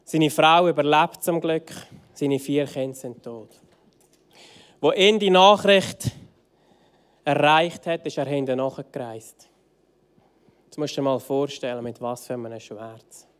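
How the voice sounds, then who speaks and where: A man leading worship, telling a story as a sermon and moving between emphatic loud phrases and hushed soft ones. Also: on the high side, a little slow, pauses often, smooth.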